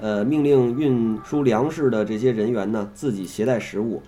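Guy reading old history out loud, dark mellow voice, stops to ask stuff and comment, faint guitar underneath. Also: medium pitch, moderate pace. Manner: reads steadily, then breaks off to ask questions and comment. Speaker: reader and explainer of a classical history text. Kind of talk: reading a classical text aloud and chatting about it.

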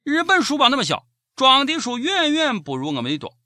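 A man's voice: very high-pitched, wildly swooping pitch, a little fast, pushed and bright, no room sound, clean studio sound. A man with a Shaanxi accent hosting scripted satirical news commentary in a mocking, sarcastic manner. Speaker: host of a comic news show.

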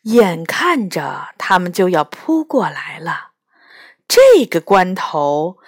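A woman reads a children's story aloud in the first person, with an expressive manner. Her voice moves a great deal in pitch and she keeps a slow, careful pace. The sound is close and dry. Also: slightly rough, dry recording.

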